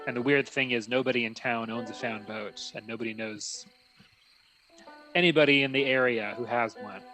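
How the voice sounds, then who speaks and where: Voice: medium pitch, fairly even intonation, moderate pace, pushed and bright, faint music behind, low-quality recording. A player in a tabletop game sharing a rumor in short, matter-of-fact remarks. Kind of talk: casual tabletop game chat.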